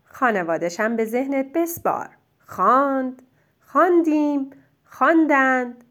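A woman teaching a child spelling, dictating words slowly and clearly and praising their answers. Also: high-pitched. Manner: slow, drawn-out dictation of single words; gentle, encouraging teacher talk.

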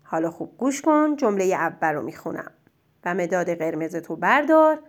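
A woman teaching a child spelling, dictating words slowly and clearly and praising their answers. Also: lowish voice, sing-song. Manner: slow, drawn-out dictation of single words; gentle, encouraging teacher talk.

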